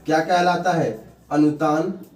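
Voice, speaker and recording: A man's voice: fairly high pitch, steady tone, slow pace, a little mellow. A male teacher giving a grammar lesson, repeating key terms and quizzing his students with questions. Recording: echoey room, voice a bit far from mic.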